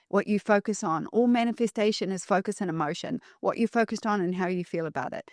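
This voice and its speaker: A woman's voice: mid-range voice, a little mellow, no echo. Woman, podcast guest, emphatic storyteller, repeats key lines, dry close sound. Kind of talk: storytelling in an interview.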